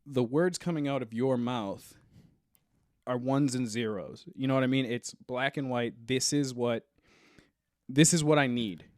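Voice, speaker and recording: A man's voice: medium pitch, measured pace, no room sound. Casual male co-host, mid-range voice, blunt and jokey, dry studio sound. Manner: blunt, joking, profane, supportive. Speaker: podcast co-host. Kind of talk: casual podcast chat.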